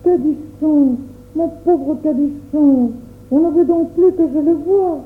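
A woman's voice: high voice, takes it slowly. A woman voicing a timid, tender-hearted little girl who talks in a pleading, hesitant way. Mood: tearful tender. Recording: tinny phone-like sound, roomy echo.

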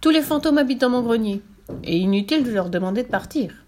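A cheeky little girl full of bravado, as a woman reading aloud plays her. She talks up high and loud, teasing and sure of herself. A faint hiss sits under the storybook reading. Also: lively intonation, fast, natural voice. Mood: boastful. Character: bold cheeky little girl, fearless and boastful.

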